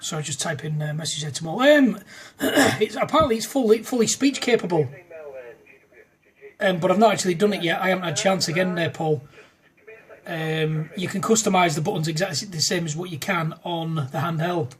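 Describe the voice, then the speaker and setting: In a rough recording, a man with a high-sitting voice speaks fairly quickly. He's a radio amateur doing a demo video from a desk in his front room, keeping the talk casual and matey with plenty of call signs and radio jargon.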